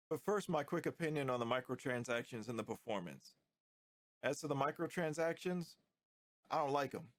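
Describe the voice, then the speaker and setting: A man with a stuffy, nasal voice from a cold, giving relaxed, slightly critical commentary on a video game. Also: fairly high pitch, no room sound. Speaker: gaming YouTuber.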